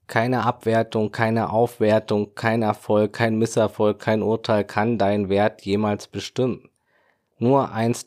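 A man with a fairly low voice delivers a scripted motivational monologue as a podcast host and life coach. He speaks calmly and earnestly, building long, affirming lists.

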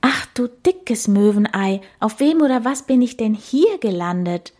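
A woman voicing a frightened young male seagull in a storybook, high and anxious. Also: expressive, measured pace, a little mellow. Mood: startled.

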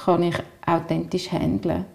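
A woman with a Swiss German accent talks reflectively as a podcast co-host. Her voice sits low and sounds warm and relaxed. She often stumbles over repeated words as she gathers her thoughts. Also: a little slow, creaky. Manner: thoughtful, repeats words while searching for them. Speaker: podcast co-host, school counselor. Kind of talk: reflective casual chat.

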